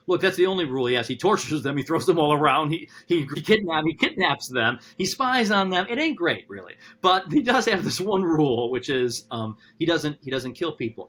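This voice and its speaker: Animated male professor thinking aloud. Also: slight background noise. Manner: animated, talks through ideas with frequent restarts; acts out quotes with sudden high-pitched voices. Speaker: philosophy professor. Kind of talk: podcast conversation.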